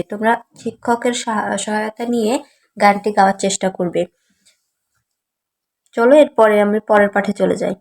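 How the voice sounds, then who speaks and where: A woman teacher, reading a lesson for young children and spelling out letters slowly and patiently. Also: a little high. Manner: slow, patient, syllable-by-syllable spelling aloud.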